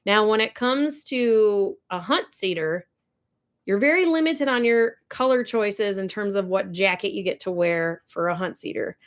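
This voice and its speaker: A woman's voice: mid-range voice, measured pace. A young woman chatting casually on a ranch livestream, gushing and answering viewer comments. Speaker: livestream host. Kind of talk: casual live chat. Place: ranch barn or home.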